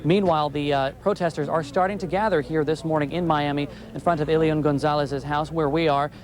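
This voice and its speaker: A man reporting live for television from an outdoor city street talks a little fast, his voice on the high side and his tone steady. Crowd and street noise carry through the broadcast.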